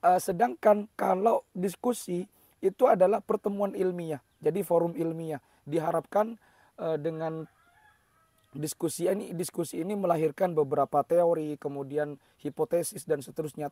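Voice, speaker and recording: A man with a slightly hoarse, mellow voice pitched somewhat high hosts an explanatory commentary. He talks in a measured way and keeps pausing on hesitation fillers. The sound is close and dry, with no room echo. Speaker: host.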